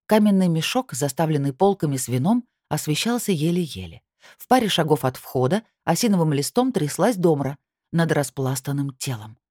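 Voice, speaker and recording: A woman reading a first-person audiobook with an expressive, lively delivery. Her voice is low, and the recording is dry, close and studio-clean. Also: moderate pace, no room sound. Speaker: narrator.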